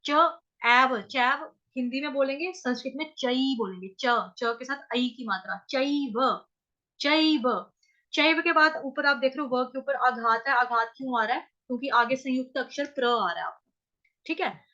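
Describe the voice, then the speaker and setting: A woman from North India teaching scripture chanting in an online class, explaining pronunciation syllable by syllable and chanting words slowly. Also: high-pitched, bright, forceful tone, highs cut off. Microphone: video call.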